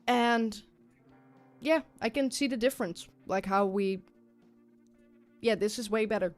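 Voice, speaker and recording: Music accompanies an unhurried, medium-pitched woman chatting on her livestream. The talk is informal and sweary, rambling and circling back over the same things.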